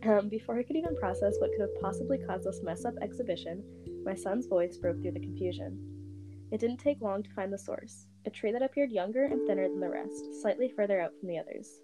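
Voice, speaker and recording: A woman reads a first-person horror story aloud in an even, steady voice. She pauses now and then to chat with a friend. Soft guitar music plays behind her. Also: mid-range voice. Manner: reads steadily, with fillers and laughs between passages. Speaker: story reader.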